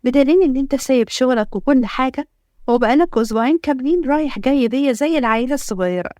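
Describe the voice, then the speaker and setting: Woman acting out young student bride, Egyptian accent, pleading, high-pitched, dry close sound. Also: expressive, very fast, dark tone, no echo. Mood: soft. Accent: Egyptian Arabic. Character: young female university student, tearful and defiant.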